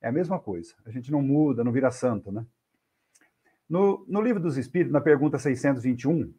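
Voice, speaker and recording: A man with a Brazilian Portuguese accent delivers a spiritist lecture in a husky, slightly high voice. He speaks earnestly and tells stories with many asides to his listeners. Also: a little mellow. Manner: earnest storytelling, frequent "né?" checks. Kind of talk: devotional talk.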